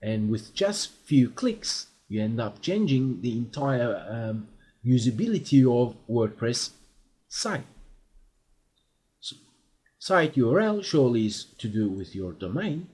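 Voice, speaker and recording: Narrating a screen-recorded software tutorial, this instructor explains things using fillers and brief comprehension checks. His voice is husky and medium-pitched, with big swings in pitch.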